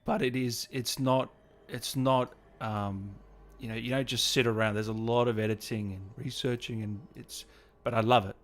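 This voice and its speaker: This livestream host and gaming interviewer has a medium-pitched, steady voice at normal speed. He chats casually with viewers, reading and answering their comments and often repeating his phrases.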